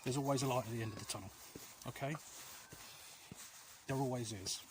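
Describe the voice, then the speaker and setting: Walking along alleys outside, a vlog host speaks a little fast at a medium pitch. He rambles casually to viewers with sincere, reassuring advice and keeps losing his train of thought, while outdoor sounds come through clearly.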